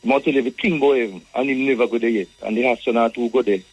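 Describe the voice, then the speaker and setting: A Jamaican man calling a radio show, arguing conversationally in Rasta speech with a husky voice, repeating phrases as he builds his point. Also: mid-range voice, fast talker, no echo, poor audio. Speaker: radio caller.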